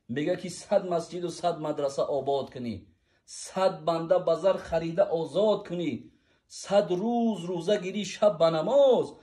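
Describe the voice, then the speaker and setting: A man's voice: on the high side, warm tone. A man with a Tajik accent preaching a sermon, reciting verses and Arabic quotes in a rhythmic, swelling delivery.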